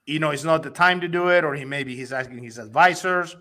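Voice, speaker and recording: A man's voice: fairly high pitch, brisk, sharp tone. Eager persuasive man from Honduras. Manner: persuasive, eager, many restarts. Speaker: crypto company executive and investor. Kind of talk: casual interview talk.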